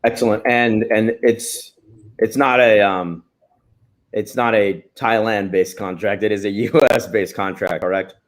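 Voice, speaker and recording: A man's voice: fairly low pitch, steady tone, a little slow. A man moderating a business panel, asking long, wordy questions with enthusiasm.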